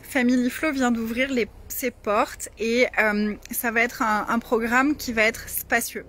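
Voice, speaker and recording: Higher-pitched woman in an echoing space. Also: steady tone, measured pace, fairly bright tone. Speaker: coach hosting a live session. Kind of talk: casual livestream talk to followers.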